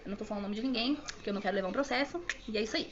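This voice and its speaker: A young woman from Brazil telling an emotional personal story, fast and full of restarts. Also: mid-range voice, highs cut off. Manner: rapid, emotional, many fillers and restarts. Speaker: vlogger telling her birth story.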